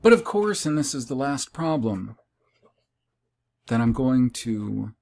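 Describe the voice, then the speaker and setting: A man giving an explanatory scripture talk, deliberate and emphatic, repeating key words and pausing with an occasional filler. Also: mid-range voice, sing-song, gravelly, darkish tone. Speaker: Bible language presenter.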